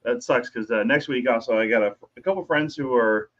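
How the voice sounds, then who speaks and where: A man co-hosting a casual live show, his voice coming through a thin, tinny mic with no bass, talking in a laid-back way with lots of fillers. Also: brisk, a bit bright. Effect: thin tinny mic sound with no bass. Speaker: co-host. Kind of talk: casual chat.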